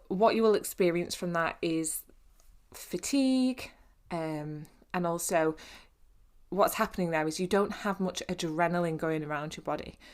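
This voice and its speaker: Woman coaching in a low, chatty voice. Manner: conversational, encouraging, many fillers and restarts. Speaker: fitness coach. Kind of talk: podcast monologue.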